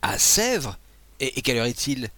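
A man's voice: mid-range voice, very animated, normal speed, pushed and bright, dry recording. A man reading aloud voices a kindly, fretful priest who stammers and exclaims anxiously. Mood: flustered. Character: flustered fretful abbé, a kindly male priest.

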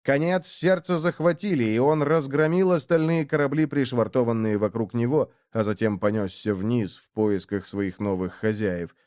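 A man reading an audiobook in a steady, even storytelling manner. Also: mid-range voice, normal speed, hardly any pauses, no room sound, studio quality. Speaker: audiobook narrator. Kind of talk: scripted narration.

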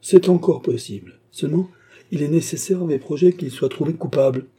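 A man playing a cold, scheming English baronet who speaks with mocking, false affection in a husky voice. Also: fairly high pitch, a little fast, dark tone, pitched above the performer's own voice. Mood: coldly sweet.

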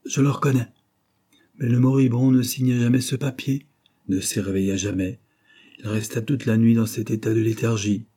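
A man narrating a novel in a steady, measured audiobook reading. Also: medium pitch. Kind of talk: scripted narration.

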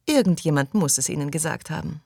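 Woman reader plays a brazen flirt, teasing and direct, in a dry, close audiobook read; fairly low voice lifted higher for the part. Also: fast talker, gravelly, warm tone, no echo. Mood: insistent. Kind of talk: audiobook reading.

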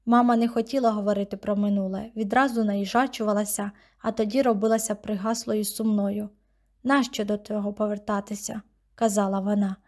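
A woman narrating an audiobook with steady, measured reading. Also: mid-range voice. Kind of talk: scripted narration.

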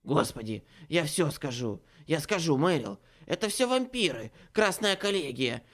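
A man's voice: a little high, big pitch swings, a little slow, fairly bright tone, pitched above the performer's own voice. A man voicing a bearded, cowardly male changeling who pleads frantically in an audiobook. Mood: panicked. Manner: pleading, frantic, near sobbing. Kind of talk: audiobook character voice.

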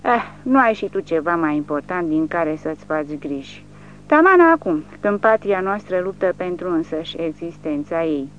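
A reader voicing a drunk, bullying man who is a Soviet village official, shouting insults in an audiobook. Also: a little high, animated, lo-fi sound, slight background noise. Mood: ranting.

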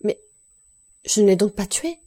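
A woman's voice: mid-range voice, expressive, measured pace, dark tone. A woman voicing a frightened, agitated older male steward in an audiobook, breathless and exclamatory. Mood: panicked.

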